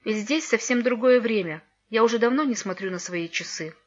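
A cheerful, curious young girl, as a woman storyteller puts her on, lifting her voice higher and speaking with lively eagerness. It sounds like a storybook reading on a dull, lo-fi recording. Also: brisk, lightly acted. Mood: eager.

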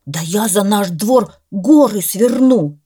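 Woman doing a slow eager scruffy dog. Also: fairly high pitch, warm tone, breathy edge, pitched above the performer's own voice, heavily acted. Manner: eager, timid.

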